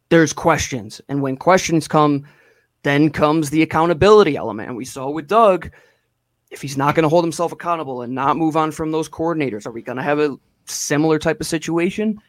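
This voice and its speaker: A man co-hosting a sports podcast, giving emphatic, animated opinions in casual chat. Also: fairly high pitch, no room sound. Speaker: podcast co-host.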